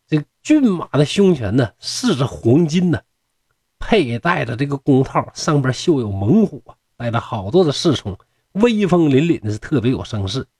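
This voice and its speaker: A man's voice: fairly high pitch, a little mellow, slightly rough, no room sound, clean studio sound. A man narrating a classic folk tale in a chatty colloquial style, with asides to the listener. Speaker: storyteller.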